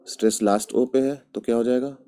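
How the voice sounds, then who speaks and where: A man from India teaching a language lesson, speaking slowly and patiently and repeating each example word several times. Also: medium pitch, steady tone, dark tone.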